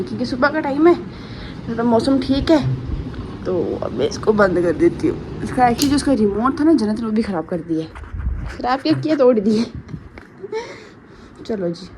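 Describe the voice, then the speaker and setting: A young woman talks chattily to her viewers at home, her voice at a middling pitch. Faint household noise sits under her voice. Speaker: vlogger. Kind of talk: casual daily vlog. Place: home kitchen and bedroom.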